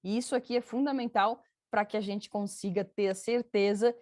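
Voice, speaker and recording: Chatty teacher, dry close sound. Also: female voice, medium pitch, fairly even intonation, normal speed, darkish tone, dry recording. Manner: chatty, often checks in with "tá?"; explains patiently, repeats examples. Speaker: English teacher. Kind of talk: casual online lesson.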